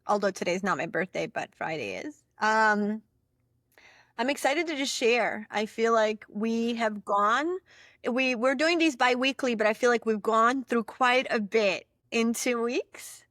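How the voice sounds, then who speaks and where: Earnest, upbeat woman coach, fairly high voice. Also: measured pace, fairly bright tone, no echo, studio quality. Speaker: podcast co-host, coach. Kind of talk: casual chat.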